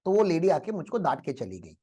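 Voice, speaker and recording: A man's voice: a little high, big pitch swings, brisk, dark tone, breathy edge. A male teacher giving a motivational lecture in a classroom, telling stories and asking the class rhetorical questions.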